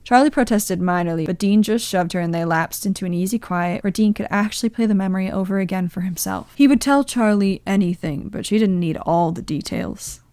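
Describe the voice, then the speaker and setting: A woman reading a story aloud as narrator, in a gentle, measured way. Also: mid-range voice, dry recording. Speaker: podfic reader. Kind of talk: scripted narration.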